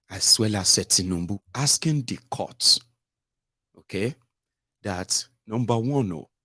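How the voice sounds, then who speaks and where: A man giving political commentary on a live stream, explaining slowly and adding tag questions. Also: fairly low pitch, dry recording, clean studio sound.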